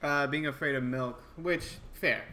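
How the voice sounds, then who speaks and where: A man's voice: mid-range voice, unhurried, bright, forceful tone. A man co-hosting a podcast, chiming in with short wry remarks in casual chat. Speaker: podcast co-host.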